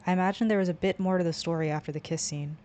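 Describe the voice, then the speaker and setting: A woman's voice: lowish voice, fairly even intonation, rapid-fire, mellow. A woman streamer reading a visual novel aloud, narration and the player's lines, stumbling at times.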